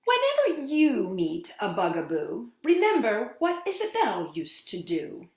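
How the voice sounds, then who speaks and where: Her voice sits on the high side as this woman reads a picture book aloud to young children at storytime. Expressive and sing-song, she rises and falls widely, taking her time with lingering words and well-placed pauses, all inside a room that rings with echo.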